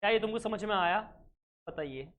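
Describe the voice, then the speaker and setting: A man's voice: sits high, animated, a little fast, a bit bright. Guy teaching accounts, keeps going "what do we call this?", mixes in english words. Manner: keeps asking the class rhetorical check questions; mixes English terms into his explanation. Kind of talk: recorded exam-prep lecture.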